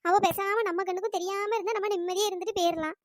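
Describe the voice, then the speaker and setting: A performer voicing loud, teasing village women in a cartoon comedy, with shrill scolding calls. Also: fairly even intonation, quick pace, no echo, studio quality. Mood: worried. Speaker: cartoon characters.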